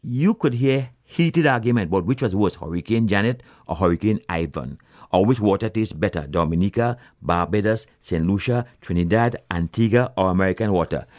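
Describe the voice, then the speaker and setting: A man from Grenada with a Grenadian accent, telling a humorous story in a folksy, animated manner with creole phrasing. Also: on the low side, brisk, dry recording, studio quality.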